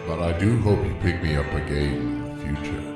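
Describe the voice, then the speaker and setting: A man playing a sinister, gleefully menacing horror-story host with a very deep, gravelly voice and a slow, theatrical, mock-polite manner. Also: animated. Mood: sly farewell. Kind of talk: horror anthology host outro. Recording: heavy echo over loud music.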